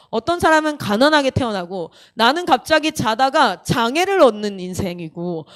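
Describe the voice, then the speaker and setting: A woman missionary telling her own story to a young crowd, in a high voice that leaps up and down as she goes. She acts out other people's lines as she tells it and keeps turning to the listeners with direct questions. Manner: addresses the audience with direct questions. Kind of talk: personal testimony talk to a youth camp audience.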